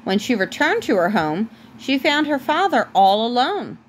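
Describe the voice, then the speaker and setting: A woman's voice: fairly high pitch, sing-song, moderate pace, a little hiss or hum, rough recording. A woman reading a bedtime story aloud to her child at home, stopping now and then to talk with the child.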